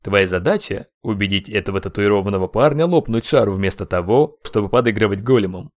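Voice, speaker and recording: A shadowy male entity speaks in a low, booming voice laced with cloying sweetness, as a man reads him in an audiobook. He gives orders with mocking ease. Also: lively intonation, quick pace, lightly acted. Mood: sugary. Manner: sugary, mocking, commanding. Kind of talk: audiobook character voice.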